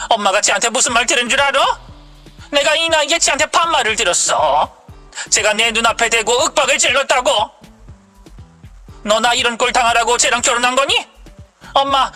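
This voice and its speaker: A woman's voice: sits high, bright, forceful tone, in a large hall, voice pushed up. A woman voicing an older mother-in-law who whines and pities herself to her son. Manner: whiny, self-pitying. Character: whining older mother-in-law playing victim.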